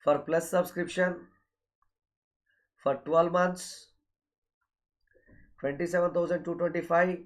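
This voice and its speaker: Taking it slowly with long pauses, a South Indian-accented man with a slightly high, fairly even voice addresses his online coaching students. He lays out courses and schedules repetitively, peppering his speech with filler okays aimed at the students.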